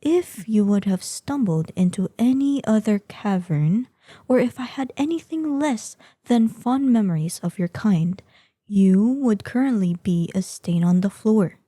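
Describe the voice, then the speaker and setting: This is a scripted roleplay monologue from a fantasy audio drama: a woman portrays a proud ancient female dragon in human guise, imperious in bearing, with a curious yet admonishing mood. Her mid-range voice is very dark and soft-edged, her intonation lively, and she weighs each slow, formal, archaic phrase. The close, dry recording carries no room sound.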